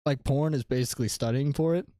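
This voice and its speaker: A man's voice: medium pitch, quick pace, warm tone, a little hiss or hum. A young man co-hosting a podcast in casual chat, joking and laughing often as he teases his co-host with questions.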